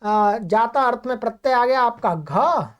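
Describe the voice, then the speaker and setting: High-voiced woman teaching Sanskrit grammar. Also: animated, dull audio. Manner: explanatory, checks in with listeners often; slows down to recite grammar rules. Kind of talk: online lecture.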